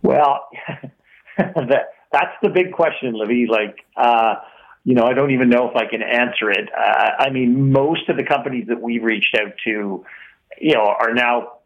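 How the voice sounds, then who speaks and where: A man's voice: mid-range voice, a little slow, lo-fi sound. A man speaking as a radio guest, rambling with many fillers. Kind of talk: radio discussion.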